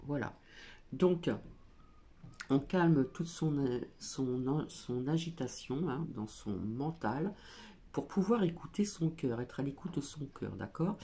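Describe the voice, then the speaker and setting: A woman's voice: a bass voice, animated, slow pace, dark tone. A woman doing a casual spiritual card reading at a small table at home, hesitant with many fillers as she reads card texts aloud. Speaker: oracle card reader.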